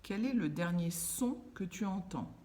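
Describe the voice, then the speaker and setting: A woman teaching young children, speaking slowly and carefully, drawing out words so they can hear each sound. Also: lowish voice, lively intonation, mellow. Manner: slow, carefully enunciated, stretching words for children. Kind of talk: children's lesson.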